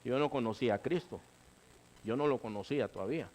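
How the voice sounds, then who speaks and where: A middle-aged male pastor, preaching a sermon with lively, conversational asides. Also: medium pitch, fast talker. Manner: animated preaching, keeps saying "hermano", acts out quoted voices.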